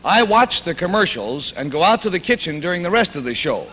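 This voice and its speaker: A man's voice: sits high, sing-song, fairly quick, a bit bright. A man hosting a game show in a folksy, chatty showman manner, heard through an old 1950s TV broadcast. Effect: old 1950s TV broadcast sound. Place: TV studio stage. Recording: dull lo-fi 1950s TV audio, reverberant studio, faint hiss.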